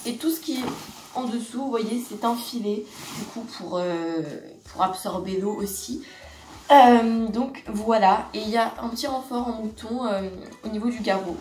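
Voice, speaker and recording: A woman's voice: on the high side, moderate pace, darkish tone, distant mic, a little hiss or hum. A teenage girl from France chatting in a casual haul vlog in her bedroom, gushing and filling her talk with fillers and restarts. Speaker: vlogger. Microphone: camera across the room. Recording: roomy bedroom sound from off-mic.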